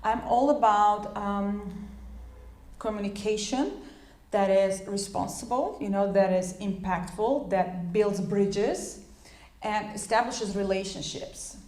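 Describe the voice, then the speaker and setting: An English teacher, a woman whose native language is Croatian, gives an informal spoken lesson in a relaxed, chatty manner, frequently restarting sentences and relying on fillers. Her mid-pitched voice is slow and slightly mellow. The room adds a noticeable echo.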